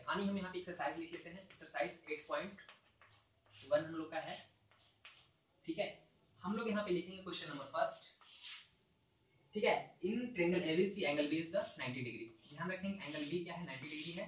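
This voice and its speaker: Slightly high-voiced male math teacher, echoey. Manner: repeats points with frequent "ठीक है" check-ins; slow and deliberate when writing formulas. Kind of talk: classroom math lesson at a board. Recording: echoey, dull sound from a distant mic.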